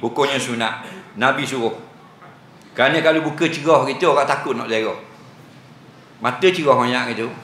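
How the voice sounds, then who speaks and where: In a village prayer hall, a man with a Terengganu Malay accent teaches an evening religious lecture, teasing his listeners, joking, and laughing a lot. His mid-range voice is bright and forceful, and the echoey recording carries faint ambience and a little hiss or hum.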